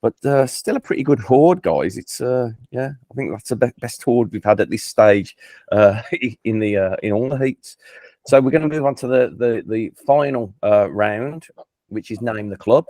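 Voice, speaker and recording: With a medium-pitched, mellow and expressive voice at a moderate pace, an English quiz host from Birmingham runs a casual football quiz. He's chatty and self-deprecating, often stumbling and starting over. There's no echo on the recording.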